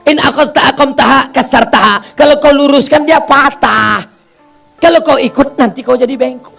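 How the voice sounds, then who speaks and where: High-voiced man giving a joking sermon. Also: normal speed, vocal fry, sharp tone, soft background music. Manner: joking, rhetorical questions, rhythmic repetition. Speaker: preacher. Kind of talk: humorous sermon Q&A.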